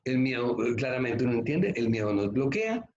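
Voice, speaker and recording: A man's voice: mid-range voice, sing-song, moderate pace, a little mellow. A man preaching a sermon as pastor, emphatic and conversational, often asking the listeners rhetorical questions. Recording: echoey, slightly muffled room recording.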